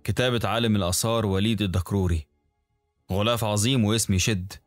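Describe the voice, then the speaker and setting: A man voicing a courteous, mysterious engineer in his fifties with an Egyptian Arabic accent, calm and knowing. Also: on the low side, fast, no room sound, soft background music, lightly acted. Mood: polite. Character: smiling middle-aged male engineer, polite and mysterious.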